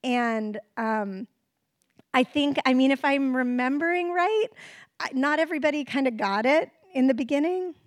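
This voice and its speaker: A woman's voice: high voice, moderate pace, no echo, clean studio sound. A woman in her forties who adapted a book into a series, talking reflectively in a conversational interview. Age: 40s.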